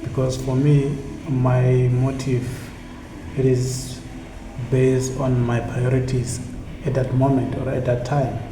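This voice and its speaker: This community initiative founder, a Tsonga-speaking man from South Africa, talks at medium pitch in a flat, earnest tone. His reflective motivational monologue comes out haltingly, with repeated phrases, recorded in an echoey space with constant background noise.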